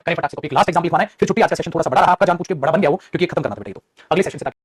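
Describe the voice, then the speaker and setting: A man runs an English grammar lesson at a quick clip, playful and coaxing. His voice sits high with a husky grain. The sound is dry and close, with no room around it. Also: dry recording. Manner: lively, playful, addresses students as beta and guruji, acts out student voices.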